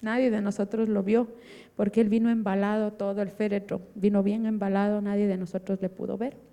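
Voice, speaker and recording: Woman, middle-aged, emotional church testimony, mellow tone, long reverb. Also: medium pitch, little pitch movement, a little fast, creaky. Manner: vivid storytelling, acting out remembered dialogue. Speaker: church member giving testimony. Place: church hall.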